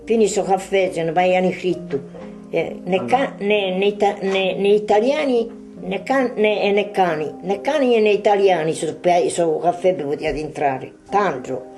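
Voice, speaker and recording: An older woman with a mellow, warm voice tells her story hesitantly, often stopping and starting again. Soft music plays faintly in the background. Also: medium pitch. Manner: hesitant, with many restarts. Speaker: interviewee. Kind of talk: reminiscing in an interview.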